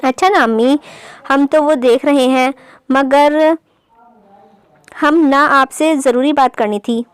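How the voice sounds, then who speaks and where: A woman's voice: high voice, no room sound, close to an everyday voice. A woman reading the part of a cheeky young man who pleads with his mother in a whiny way in an audiobook story. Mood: pleading.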